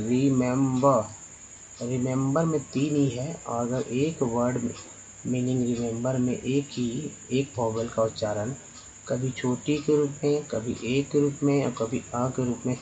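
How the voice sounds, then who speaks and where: A man teaching English pronunciation as a spoken lesson. He spells words letter by letter, slowly and with many repeats. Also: mid-range voice, dark tone, a little hiss or hum, low-quality recording.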